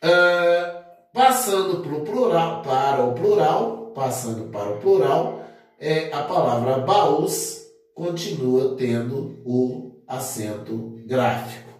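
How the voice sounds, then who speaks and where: Slow, methodical teacher in echoey room. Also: male voice, fairly high pitch, expressive, soft background music. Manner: methodical, repeats points, many fillers. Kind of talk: grammar lesson at a board. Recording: echoey room, distant mic.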